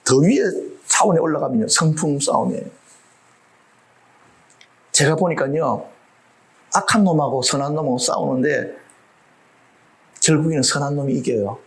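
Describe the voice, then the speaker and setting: A man's voice: fairly high pitch, moderate pace, creaky, long pauses. A middle-aged man preaching a sermon as pastor, humorous and full of rhetorical questions.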